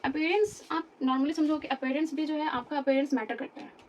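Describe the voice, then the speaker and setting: A woman's voice: sits high, steady tone, fairly quick, distant mic, a little hiss or hum. A woman teaching a lecture class, explaining patiently, repeating terms and checking in with her students.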